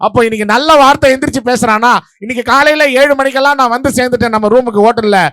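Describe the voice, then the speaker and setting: High-voiced man giving a rapid stage verdict. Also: fairly bright tone, clean tone, no room sound, clean studio sound. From Vellore district, Tamil Nadu, India. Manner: rapid, story-driven, playful. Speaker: debate judge giving the verdict. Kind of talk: humorous stage speech to a live audience.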